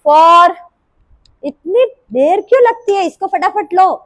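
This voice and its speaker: A woman's voice: very high-pitched, animated, takes it slowly, a bit bright, no room sound, poor audio. A woman yoga teacher with a sore throat, counting reps and scolding her class into holding their poses. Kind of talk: live group class instruction. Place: indoor yoga class room.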